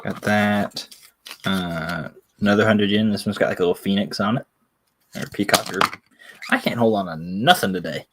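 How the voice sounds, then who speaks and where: A man's voice: on the low side, moderate pace, fairly bright tone, a little hiss or hum. A man with a Tennessee accent chats casually and folksily on a live sales stream, a bit self-deprecating. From Tennessee, USA. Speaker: coin seller.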